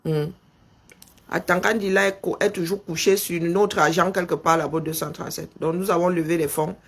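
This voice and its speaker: Insistent high gravelly Cameroonian man. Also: steady tone, fairly quick, fairly bright tone. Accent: Cameroonian French. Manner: insistent, rhetorical questions, dictates punctuation aloud. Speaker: live stream host. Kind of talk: political live-stream commentary.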